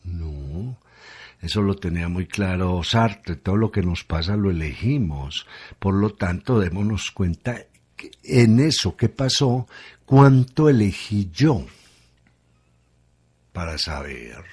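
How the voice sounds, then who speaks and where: Slow husky man musing aloud. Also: low-pitched, a little mellow. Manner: reflective, full of rhetorical questions. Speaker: radio guest. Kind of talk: radio conversation.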